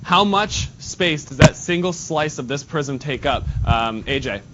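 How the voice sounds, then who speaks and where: This classroom lesson features a math teacher, a man with a nasal voice, addressing students casually while writing on the board. He speaks at a measured pace and sounds animated; the recording is muffled and lo-fi, with a faint rumble.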